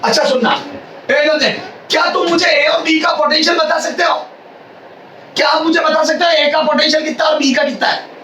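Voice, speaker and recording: A male physics teacher with a Rajasthani Hindi accent, lecturing a class loudly and drilling his students with questions. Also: very high voice, steady tone, fairly quick, slight background noise. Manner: loud, drilling, calls on students. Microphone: camera at a distance. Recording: echoey classroom, far from mic.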